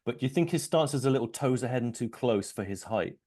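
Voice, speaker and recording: A man giving casual coaching commentary, explaining in a measured way and checking for agreement. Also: medium pitch, lively intonation, darkish tone, breathy edge. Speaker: strength coach, host.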